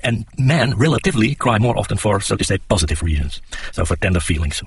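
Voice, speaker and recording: A man, an expert researcher, explaining findings in a measured, slightly halting way. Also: on the low side, sing-song, breathy edge, no echo. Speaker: crying researcher guest. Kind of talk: expert interview answer.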